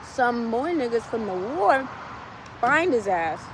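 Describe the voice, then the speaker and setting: A woman retelling a book's plot in a casual, animated and profane way, full of slang. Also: on the high side, slow pace, background noise. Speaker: vlogger retelling a book. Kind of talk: casual storytelling.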